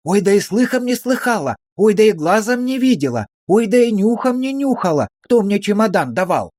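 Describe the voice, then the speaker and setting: A man's voice: high voice, sing-song, moderate pace, a little mellow, no echo, clean studio sound, voice pushed up. A man voicing a fawning village woman who wails and pleads in a sing-song way under questioning. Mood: pleading.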